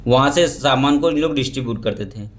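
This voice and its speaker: A man gives an exam prep history lecture at an ordinary mid pitch, moving through it step by step. He asks a question, answers it himself and checks in with "ठीक है" between points. He reads English textbook lines slowly and points at pictures as he explains. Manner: explains step by step, asking and answering his own questions, often adding "ठीक है". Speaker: teacher.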